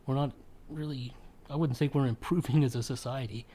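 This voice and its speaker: A man hosting a casual podcast chat, talking in a halting way with many ums and restarts. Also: mid-range voice, fairly even intonation, warm tone, a little hiss or hum. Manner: hesitant, full of ums and restarts. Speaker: podcast host.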